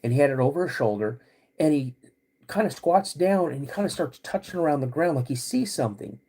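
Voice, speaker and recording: A man hosting a podcast, recounting a personal story in a halting, repetitive, suspenseful way. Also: on the high side, lively intonation, mellow, husky. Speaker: podcast host.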